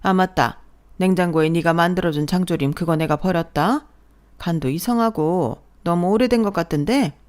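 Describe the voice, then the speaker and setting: A sharp-tongued older mother-in-law, always nitpicking and sniping, lowish voice, as a woman reads her out in a spoken story. she scolds more than she talks, with a sarcastic bite in every remark. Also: moderate pace, close to an everyday voice.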